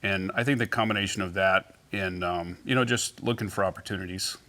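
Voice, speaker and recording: A middle-aged man with a low voice sits for an interview as a company founder. He tells his stories in a loose, easygoing way, padding them with fillers and restarts. His tone is bright and forceful despite the low pitch. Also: fairly quick. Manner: relaxed, anecdotal, many fillers and restarts. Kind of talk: casual interview storytelling.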